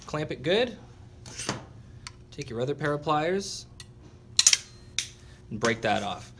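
A man's voice: fairly high pitch, very animated, takes it slowly, noisy background. A man teaching welding in a workshop, explaining each step plainly while he demonstrates. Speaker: welding instructor. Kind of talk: instructional demonstration.

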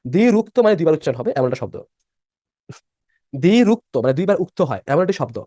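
A man's voice: a little high, sing-song, fast, mellow, no room sound, studio quality. A young man teaching a live online class. He repeats each rule and keeps quizzing his students with questions. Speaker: admission-prep teacher.

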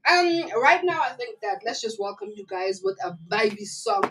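A woman's voice: medium pitch, expressive, moderate pace, a crowd in the background, rough recording. A young South African woman with a wheezy voice, hosting a chatty live community radio show at a studio microphone. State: wheezy from asthma. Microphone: studio microphone on a desk stand.

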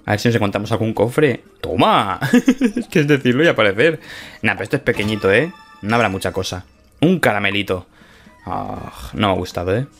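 A man's voice: lowish voice, sing-song, fairly quick, a bit bright, soft background music. A man with a Spain Spanish accent hosting a casual gameplay video, chatty and playful, laughing often as he talks. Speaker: gaming let's-play host.

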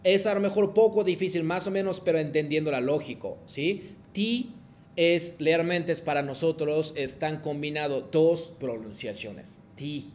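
Man, language teacher, patient, frequent check-ins, lots of fillers, slightly high voice, faint rumble behind. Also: unhurried, a little mellow. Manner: hesitant phrasing with many fillers. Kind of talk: language lesson with call-and-repeat drills.

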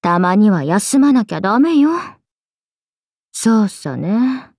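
These Japanese mobile game voice lines feature a woman in full character voice as a playful serpent-oni goddess with big-sister airs and a love of sake. She takes it slowly with big pitch swings and a slightly mellow tone, breezy, teasing and musing, sometimes sinking into low murmurs. The recording is dry and clean.

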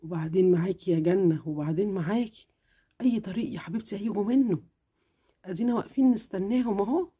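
A caring cartoon mother, as a woman puts her on, gentle and affectionate with an Egyptian accent. Her voice is pitched lower than the child's, mellow and dark in tone. She turns firm and quicker when she scolds. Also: breathy edge, close to an everyday voice. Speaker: cartoon character.

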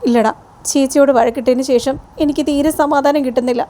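A bitter young wife from a TV serial defends herself and complains indignantly, as a woman puts her on. The voice is mellow and a touch high. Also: fairly even intonation, quick pace, close to an everyday voice. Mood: resentful.

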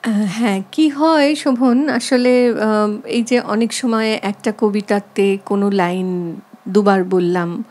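A woman reciting poems slowly and expressively, with long pauses, then talking about how to recite them. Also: mid-range voice, darkish tone. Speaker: guest reciter. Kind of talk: poetry recitation and chat. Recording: long hall reverb with music behind.

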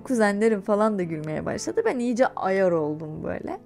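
Soft music accompanies a young adult woman whose mid-range voice is creaky and brisk. As a YouTuber in a casual vlog, she tells a personal story in a chatty, animated way, laughing along the way.

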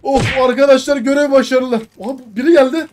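Give me a high-pitched woman doing excited gameplay commentary, loud and playful with plenty of cursing, while faint gunshots and clicks play behind her. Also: brisk, noisy background. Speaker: gaming video host.

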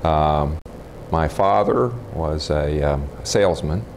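Recounting his life for an informal oral history, a Texan nuclear physicist in his forties talks in a rumbling low, darkish voice with an American accent. He is matter-of-fact and somewhat halting. The clip-on mic, used indoors in a house, picks up faint background noise.

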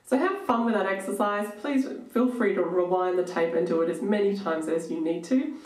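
A woman singing coach presents a lesson to camera from a small room with noticeable echo. She sounds a little distant from the microphone and speaks at a middle pitch. Her manner is encouraging and instructional, with faint keyboard music at times. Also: a little fast, a little mellow. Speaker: singing coach, host of an online tutorial show. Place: small home room, indoors. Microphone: microphone on boom stand, close in front. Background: electronic keyboard notes at times.

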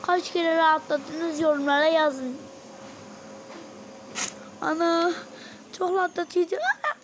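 A high-pitched woman hosts a reaction challenge vlog. She chats excitedly with her viewers, breaking into exclamations and counting aloud. A constant hiss of background noise runs under the recording. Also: slow pace. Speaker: video creator.

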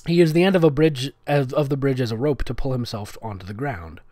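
Reading fan fiction aloud for comic effect, a male host talks fairly quickly in a medium-pitched, dark-toned voice, tossing in sarcastic, nitpicky comments and giggling. The recording is dry.

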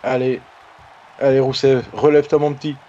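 A man giving excited, casual commentary on a wrestling video game. He cheers on the wrestlers and repeats his exclamations. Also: mid-range voice, moderate pace, muffled recording, a faint crowd.

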